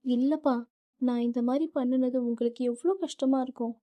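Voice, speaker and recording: A woman's voice: steady tone, moderate pace, dark tone, close to an everyday voice. A woman narrator voicing a young woman who cries and pleads with her father. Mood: tearful pleading. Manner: crying, pleading, high and strained. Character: young woman, tearful loving daughter.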